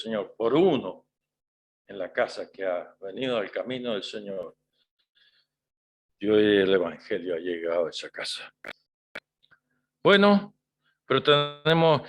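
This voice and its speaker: A man's voice: mid-range voice, slight background noise. A male preacher giving a sermon in a conversational style, often tagging his points with rhetorical questions to the congregation.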